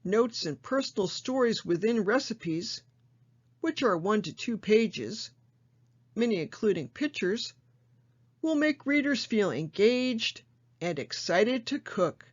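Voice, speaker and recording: A woman librarian hosting a book show, reading reviews aloud in a measured way with small asides. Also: medium pitch, expressive. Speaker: librarian host. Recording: dull lo-fi sound.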